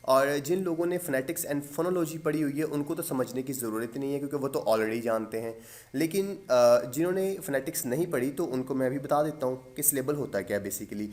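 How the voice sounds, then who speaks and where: A young man teaching a lesson, explaining patiently with many pauses and fillers and repeating points, slipping English terms into his speech. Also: mid-range voice, darkish tone. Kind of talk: lecture explaining poetic meter.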